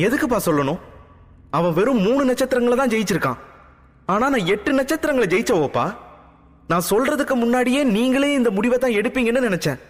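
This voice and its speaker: A man voicing a proud, quick-tempered young princess who talks back fast and high in an audio drama. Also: expressive. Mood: indignant. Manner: indignant, complaining, fast and high. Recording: music bed, long reverb.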